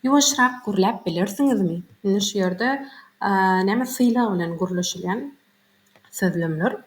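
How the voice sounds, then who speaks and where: A woman teaching German vocabulary. She reads each phrase slowly, then translates it quickly into her native Turkmen. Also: medium pitch, echoey room. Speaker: hobby German tutor. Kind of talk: bilingual vocabulary lesson.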